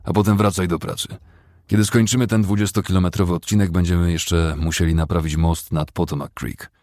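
A man's voice: sits low, fairly even intonation, a little fast, darkish tone, dry recording, clean studio sound, close to an everyday voice. A man playing a firm railway officer. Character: Union railway corps officer, firm, steady leader.

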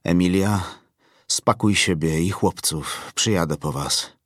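Man doing a numb grieving guy, quiet lifeless voice, low and dry. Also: takes it slowly, no room sound. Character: numb, grief-struck grown man.

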